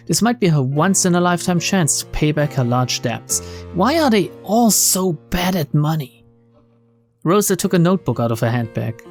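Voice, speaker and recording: A let's player reads visual novel narration aloud, stopping between lines for sweary, informal reactions. The voice is mid-range with a darkish tone.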